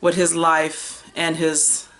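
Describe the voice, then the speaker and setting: In a low voice and an unhurried pace, an American woman in her fifties chats to camera as a book vlogger. She's animated and chatty, rambling onto tangents and drawing words out for emphasis.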